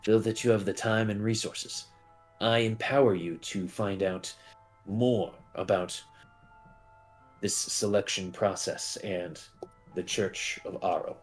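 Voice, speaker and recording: Slow and fairly low, this is a weary, conflicted town official played by a man in a tabletop game. He speaks formally and haltingly, sounding resigned, with music playing behind him. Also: fairly even intonation. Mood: resolute, formal.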